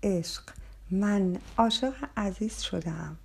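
A woman playing a calm, quiet wife. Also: mid-range voice, gravelly, husky. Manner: calm and soft. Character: calm, quietly determined middle-aged wife.

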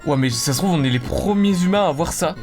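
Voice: medium pitch, animated, a little fast, a little mellow. Sarcastic gamer swearing over game music. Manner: casual, sarcastic, swears a lot. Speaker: video game YouTuber. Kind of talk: let's-play commentary.

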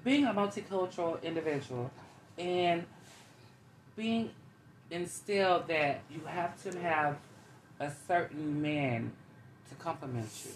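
Low-pitched woman co-host, blunt and chatty, recorded in an echoey room. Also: a little slow, pauses often. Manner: blunt, interrupts to hold the floor. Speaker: podcast co-host. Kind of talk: casual chat. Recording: echoey room with faint ambient noise.

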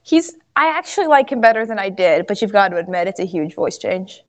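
A woman's voice: medium pitch, very animated, a little fast. A young woman in casual fan chat, talking freely and laughing often. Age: young adult. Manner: chatty, laughs often, acts out quotes. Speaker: podcast co-host. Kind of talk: casual chat among fans.

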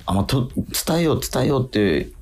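A man who hosts a radio show and acts on stage chats casually with fellow actors about acting, speaking earnestly and questioning himself, with frequent affirming interjections. His mid-range voice is expressive, brisk, darkish and slightly rough, with faint music behind him.

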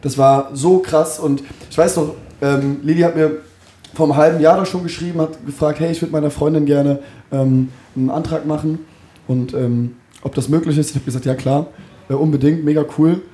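A man's voice: on the high side, fairly even intonation, fairly quick, warm tone, echoey room. A young man telling a rambling, slangy story in a casual podcast chat from a backstage dressing room. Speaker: podcast co-host.

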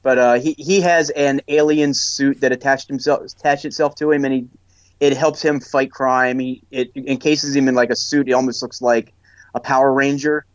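A man's voice: mid-range voice, steady tone, moderate pace, dry recording. A man co-hosting a casual podcast, rambling and hesitant as he explains comic characters. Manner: rambling, hesitant, self-described nerd. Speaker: podcast co-host. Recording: dry, dull lo-fi mic.

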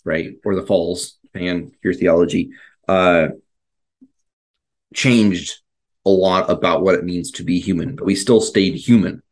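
Man, low voice, casual discussion co-host, rambling, fillers and restarts. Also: steady tone, a little slow. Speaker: podcast co-host.

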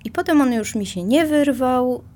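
A woman's voice: high voice, lively intonation, normal speed, warm tone. A woman in casual conversation, talking reflectively and self-mockingly, with many hesitations and small laughs.

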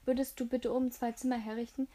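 Composed lady of the house, read by a woman, polite and measured, fairly high voice. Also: flat delivery, mellow, close to an everyday voice. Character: composed mother, controlled but nervous.

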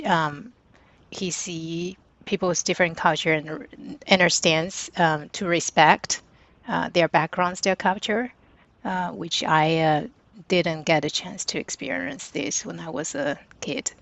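A woman in a casual discussion, speaking haltingly with many fillers and non-native grammar. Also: on the low side, gravelly, dry recording. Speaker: panel guest, parent. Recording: dry, dull lo-fi recording.

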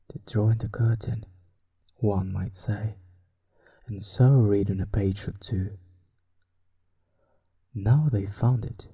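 Here a sleep podcast host, a native Spanish speaker with a Spanish accent, offers soothing bedtime talk and reads stories aloud. He speaks in a low, soft, breathy, husky voice, unhurried and hushed to the point of nearly whispering.

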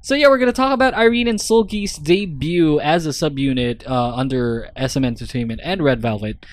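A man's voice: a little high, a little fast, dry recording. A man hosting a podcast, rambling and swearing freely in casual chat. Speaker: podcast host.

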